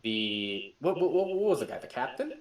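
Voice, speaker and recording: In casual podcast chat, a young game master recounts tabletop adventures, his pitch rising and falling as he laughs and curses with excitement. The voice is medium in pitch at a moderate pace, and the echoey room and far-off mic give it distance.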